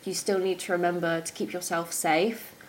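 A woman's voice: lowish voice, flat delivery, normal speed, a little hiss or hum. Young woman hosting a chatty podcast. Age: young adult. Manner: chatty, informal, explanatory. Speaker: podcast host. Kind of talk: upbeat morning-show style podcast presenting.

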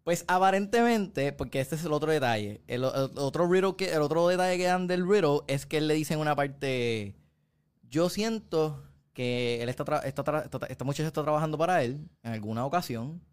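A man's voice: fairly high pitch, brisk, clear, resonant tone. A man, animatedly retelling a show's plot in casual chat and mixing in English words. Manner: animated storyteller, mixes English into Spanish.

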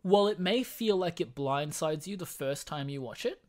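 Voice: mid-range voice, normal speed. A guest host on a casual film podcast, giving an enthusiastic, analytical breakdown of a movie's craft. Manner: animated, switches into mimicking characters.

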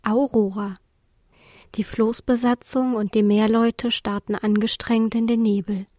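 A woman narrating a children's storybook chapter in a clear, even reading voice. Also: a little high, a little slow, no echo, clean studio sound. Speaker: audiobook reader.

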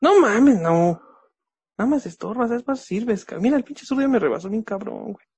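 A man's voice: high-pitched, animated, moderate pace, a little mellow, husky. A man with a Mexican accent, teasing and swearing at his friends while they play. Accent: Mexican Spanish. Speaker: gamer with friends. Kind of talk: casual gaming banter.

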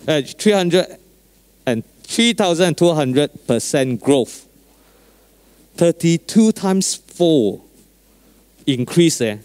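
A man with a somewhat high-set voice preaches in colloquial Singlish with a Singaporean or Malaysian accent. He talks like a pastor telling everyday stories, animated and informal, dropping particles at the ends of short phrases. The sound is very dry, without room echo. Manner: animated storyteller, acting out dialogue. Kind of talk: informal sermon with anecdotes.

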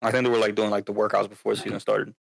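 A man's voice: on the low side, level tone, racing, creaky. A man in casual sports banter, slangy and given to questioning his friends.

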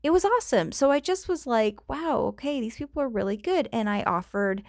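On her solo podcast, recorded with a cheap home mic, a woman with a Canadian accent talks casually, laughs a lot and drifts off on tangents. She speaks fairly quickly with lively intonation in a higher voice, with no room sound and a clean studio quality.

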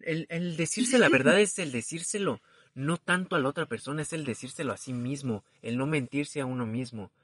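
A man's voice: on the high side, brisk, fairly bright tone, no echo, clean studio sound. A young man from Mexico City with a Mexico City accent, co-hosting a podcast in casual chat and acting out quoted dialogue with slang. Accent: Mexico City Spanish. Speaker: podcast co-host.

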